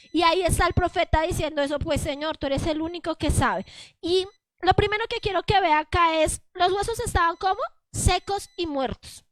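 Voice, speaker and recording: A woman preaches. She talks in an animated way and keeps asking the congregation to answer back. The sound is dry and close. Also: high voice, no echo. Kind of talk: sermon.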